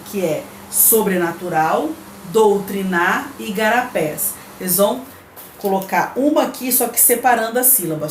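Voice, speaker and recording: A woman teacher with a Brazilian Portuguese accent, giving a recorded remote lesson. She reads the textbook aloud, explains it patiently and checks in with her pupils. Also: mid-range voice. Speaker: primary school teacher. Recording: echoey room with faint background noise.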